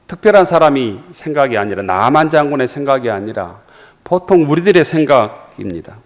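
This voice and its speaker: A man's voice: mid-range voice, big pitch swings, fairly quick. A man with a Jeolla accent preaching a sermon as pastor, repeating phrases and asking rhetorical questions. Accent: Jeolla Korean. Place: church sanctuary. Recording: reverberant church hall.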